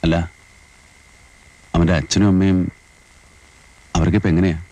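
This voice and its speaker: A brooding paroled man who speaks little, in a low, subdued voice. His words come soft and heavy in film dialogue. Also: flat delivery, a little slow. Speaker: convict out on parole.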